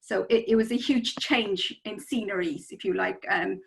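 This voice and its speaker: A woman's voice: medium pitch, steady tone, normal speed, creaky, a little hiss or hum, rough recording. A middle-aged woman from Bangladesh, a city councillor, speaking on a video call panel in a rambling way full of ums and you-knows. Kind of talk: panel discussion.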